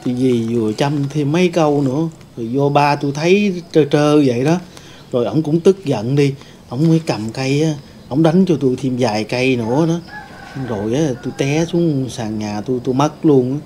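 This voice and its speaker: A man plays the ghost of a young man who died wronged, speaking. His voice is mellow and even, full of fillers as he rambles on. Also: medium pitch, moderate pace, slight background noise, close to an everyday voice. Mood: sorrowful. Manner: rambling storytelling, many fillers. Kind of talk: staged ghost-hunting role-play.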